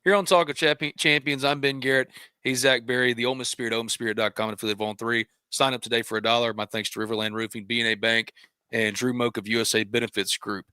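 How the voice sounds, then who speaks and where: A man's voice: mid-range voice, fairly even intonation, fast, bright, forceful tone, clean tone, no echo, studio quality. A man hosting a live sports talk stream, reading viewer questions and sponsor thanks with a joking manner. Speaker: show host.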